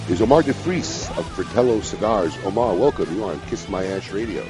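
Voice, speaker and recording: A man's voice: fairly low pitch, lively intonation, fairly quick, music in the background. A man hosting a radio show, chatting casually and teasing his co-host. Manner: joking, teasing banter.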